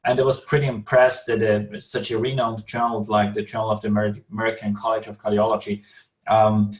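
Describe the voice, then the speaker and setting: A man's voice: fairly low pitch, level tone, brisk, echoey room, recorded from a distance. A man from Austria with an Austrian accent, speaking carefully and with many restarts as a guest on a video call interview. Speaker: guest, clinical research director.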